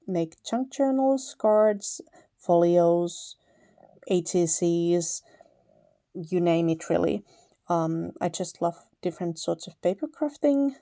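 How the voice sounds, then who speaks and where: The host of a paper-crafting channel, a woman from Finland with a Finnish accent, walks through a tutorial in a relaxed, chatty manner, laughing lightly and sometimes correcting herself. Her voice is on the low side, recorded cleanly in a studio without echo.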